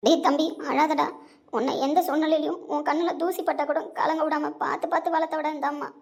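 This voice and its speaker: Actress as anxious mother of a grown son, rapid and high, pleading tone. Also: flat delivery, a little mellow. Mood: tender. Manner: pleading, scolding, tender. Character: worried middle-aged mother scolding her grown son. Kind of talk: web series drama acting.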